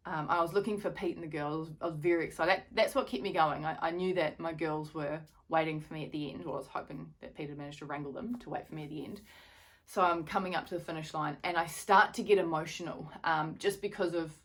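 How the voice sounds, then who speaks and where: Chatty woman vlogger, lowish voice. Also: fairly bright tone. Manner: chatty, rambling with fillers and restarts. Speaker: fitness vlogger. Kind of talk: casual vlog storytelling.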